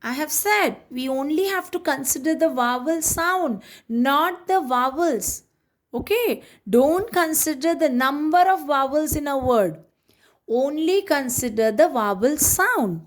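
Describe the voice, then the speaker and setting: Slow, high-voiced Indian woman teaching grammar. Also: expressive. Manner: slow, deliberate explaining, switching between English and Hindi. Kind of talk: online grammar lesson.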